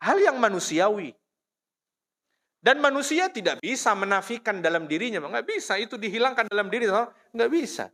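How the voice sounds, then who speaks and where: High, bright-voiced male preacher. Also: sing-song, normal speed. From Indonesia. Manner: storytelling, addresses listeners as "Pak", frequent "ya". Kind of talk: mosque study lecture. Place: mosque.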